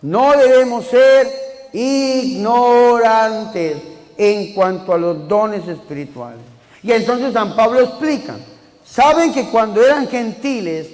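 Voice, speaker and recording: A man with a very high voice preaches a sermon, calling out to his congregation and rising into shouts. His words ring out with the long reverb of a big church hall. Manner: calls the congregation to repeat and answer, building to shouts.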